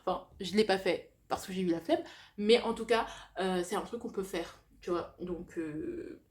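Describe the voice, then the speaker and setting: A young woman vlogger with a mid-range, darkish voice chats casually and confessionally to her viewers. She has a lisp that makes her s sounds slushy, and she halts and corrects herself while dropping in slang and bits of English.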